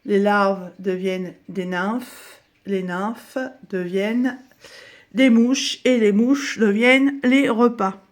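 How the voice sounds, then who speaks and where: A middle-aged woman giving a casual tour of her craft room at home, talking in a chatty, halting way with many fillers, her voice slightly hoarse. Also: medium pitch, fairly even intonation. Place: dining room at home, indoors.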